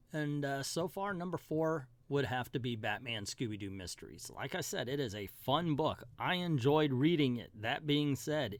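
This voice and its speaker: A man's voice: fairly high pitch, no room sound. A middle-aged man hosting a comic book review channel, giving a casual ranked countdown in a folksy, colloquial way with emphatic asides.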